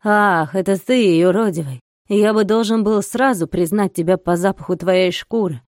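A woman reading an audiobook voices a scornful old male villager who mocks calmly and coldly. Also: mid-range voice, moderate pace, no room sound, clean studio sound, natural voice. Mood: mocking, scornful. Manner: mocking, calm and cold.

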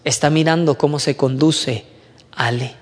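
A man preaching to a youth group, lively and conversational, mimicking whiny young voices and dropping low for emphasis. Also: unhurried, long reverb tail. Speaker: youth pastor. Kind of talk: sermon.

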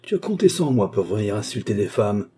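Man reading as a cold bossy young noble, low husky voice. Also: big pitch swings, fairly quick, dark tone. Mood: imperious. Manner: cold, imperious.

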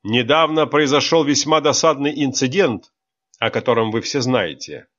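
A man's voice: mid-range voice, normal speed, fairly bright tone, muffled recording, lightly acted. A man voicing a stern veteran mercenary instructor who gives clipped, commanding orders, read in a storybook.

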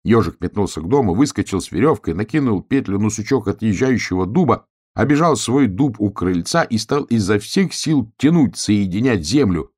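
A man narrating a children's storybook with expressive, lively storytelling. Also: fairly low pitch, moderate pace, husky. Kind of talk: storybook reading.

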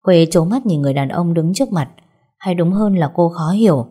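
A woman calmly narrating a romantic drama story. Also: fairly low pitch, fairly quick, slightly rough. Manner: calm, even storytelling.

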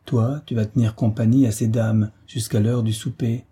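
A man voicing a bold, quick-tempered young hero giving orders in an audiobook reading. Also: medium pitch, flat delivery, mellow, husky. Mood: commanding.

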